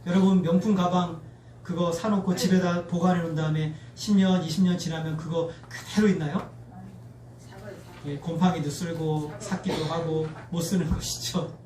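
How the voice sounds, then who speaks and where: A man's voice: fairly high pitch, moderate pace. A male pastor preaching a sermon and leading his congregation in call-and-response, recorded in a church sanctuary. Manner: leads the congregation in call-and-response, lively and expressive. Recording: echoey church recorded from a distance, faint noise.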